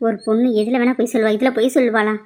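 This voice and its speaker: A woman's voice: on the high side, level tone, racing, lightly acted. A woman voicing a middle-aged mother who angrily defends her daughter. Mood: angry. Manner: forceful, accusing.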